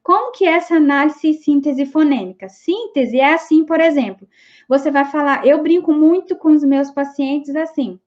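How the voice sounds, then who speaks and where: A high-pitched woman teaches an online class. She explains step by step and keeps checking that her listeners follow. The audio is a little dull and lo-fi. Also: moderate pace, darkish tone. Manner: explanatory, frequent checking tags like "tá bom?".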